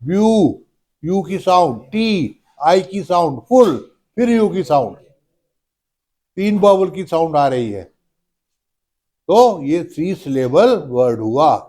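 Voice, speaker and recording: A man teaching a grammar lesson, dictating rules slowly and stretching out each word. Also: fairly high pitch, animated, dark tone. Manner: slow, drawn-out word-by-word dictation, addresses students as beta.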